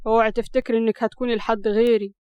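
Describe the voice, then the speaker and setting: A woman's voice: a little high, little pitch movement, very fast, warm tone, smooth, no room sound, muffled recording, close to an everyday voice. A woman doing a sly, jealous young cousin. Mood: teasing. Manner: sly, mocking.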